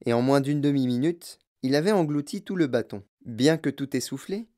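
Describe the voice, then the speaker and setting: Man, audiobook narrator, expressive storytelling, medium pitch. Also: normal speed. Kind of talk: scripted narration.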